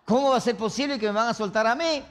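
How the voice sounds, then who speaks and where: A preacher acting out a bragging condemned criminal, a man stunned that he could go free. He speaks in a high male voice and piles up his crimes one after another in disbelief. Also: quick pace, fairly bright tone. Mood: incredulous. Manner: incredulous, bragging.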